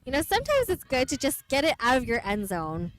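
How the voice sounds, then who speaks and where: A woman's voice: high voice, wildly swooping pitch, fairly quick. A woman doing bilingual play-by-play commentary outdoors, switching between English and French. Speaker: sports commentator. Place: outdoors at a windy field. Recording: light wind noise.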